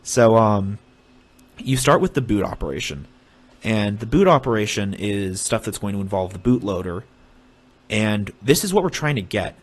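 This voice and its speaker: A young man casually explaining a technical topic on a stream, halting with restarts as he draws diagrams. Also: fairly low pitch, lively intonation. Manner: halting, many fillers and restarts while drawing. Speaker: streamer explaining hardware hacking.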